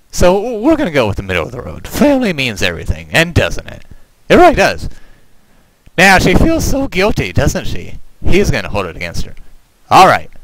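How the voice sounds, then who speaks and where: Man, game developer, gameplay walkthrough, playful, sarcastic, very lively pitch, mid voice. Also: a little hiss or hum, low-quality recording. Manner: playful, animated, sarcastic asides.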